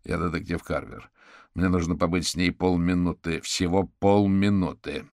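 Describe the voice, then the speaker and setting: A man's voice: deep voice, fairly even intonation, vocal fry, a little mellow, dry recording, clean studio sound. A man reading an audiobook voices an urgent male detective questioning witnesses. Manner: insistent, hurried.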